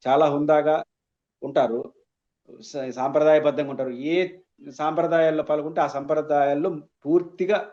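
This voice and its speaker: A man's voice: fairly high pitch, steady tone, normal speed, long pauses, dark tone, lo-fi sound. A man, a political analyst, giving emphatic and argumentative commentary as a guest in an interview.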